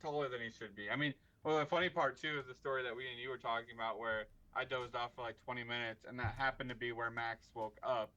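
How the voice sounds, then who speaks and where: A man co-hosting a sports podcast, talking haltingly with lots of likes and restarts. His voice is bright and sharp at a middle pitch. The recording sounds dull and lo-fi. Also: steady tone. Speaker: podcast co-host. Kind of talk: casual sports chat.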